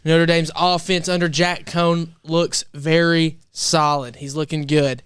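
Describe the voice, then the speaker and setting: Male sports show host, emphatic pick-maker, slightly high and clean voice, dry close sound. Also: unhurried, smooth, no echo. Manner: emphatic, animated picks. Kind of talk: casual sports talk, making picks.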